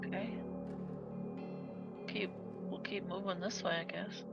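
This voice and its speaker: A woman chats casually as a player in a tabletop game. Her pitch is mid-range. The sound is a bit muffled and music plays loudly behind her. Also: fairly even intonation, a little slow, gravelly. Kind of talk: casual chat. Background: loud music.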